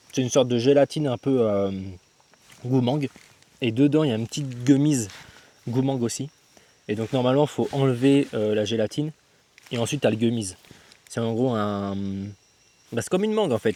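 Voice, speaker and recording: A man's voice: medium pitch, a little fast, dark tone. A young man chatting casually to his own handheld camera as a travel vlogger, slangy and loose, calling his viewers guys and thinking aloud with lots of fillers and restarts. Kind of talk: casual vlog talk to camera.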